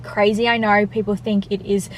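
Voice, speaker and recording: A woman who works as an online fitness coach and vlogger chats casually and emphatically to viewers while she eats, in a mukbang Q&A. Her mid-range voice is level and moderately paced. The audio is poor, with slight background noise.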